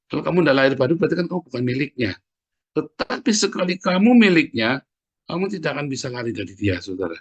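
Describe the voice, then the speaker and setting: Preacher with emphatic swings. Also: male voice, expressive, racing, breathy edge, dull audio. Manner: conversational preaching, often tagging phrases with "Saudara ya"; swings from loud emphatic peaks to low asides. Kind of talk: sermon.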